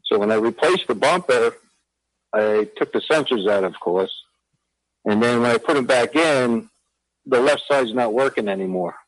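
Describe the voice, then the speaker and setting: A man from New Jersey calling in to a radio show over the phone, asking about a car part in a halting way, with many pauses. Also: mid-range voice, big pitch swings, vocal fry. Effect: radio show caller heard over the phone line. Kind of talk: casual question to hosts.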